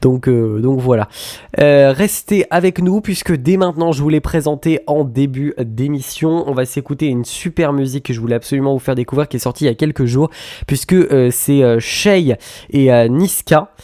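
Mellow-voiced chatty male radio host. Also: mid-range voice, moderate pace, dry recording, studio quality. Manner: chatty, hesitant, many fillers and restarts. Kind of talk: casual on-air chat. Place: radio studio.

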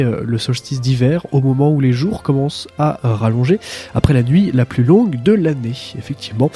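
Radio guy hosting, kinda dark mellow voice, joking around, faint music under it. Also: mid-range voice, breathy edge. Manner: jokey, leads the order of speakers. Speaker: radio show host. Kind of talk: casual radio chat, reading notes.

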